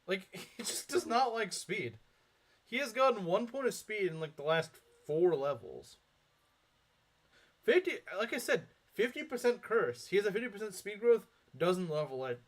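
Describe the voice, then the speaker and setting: Streaming a game, a young man chats casually with his viewers, reading chat and rambling with lots of fillers and regular chuckles. His pitch sits high and swings widely, and he talks at a moderate pace.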